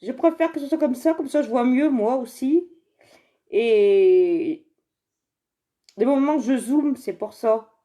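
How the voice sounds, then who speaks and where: A woman's voice: high-pitched, slow pace, pauses often, mellow. A woman chatting and rambling through a casual live makeup demo, laughing often and greeting viewers by name, filmed on a phone at home. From Saint-Étienne area, France. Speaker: direct seller presenting makeup products. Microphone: phone camera in front of her.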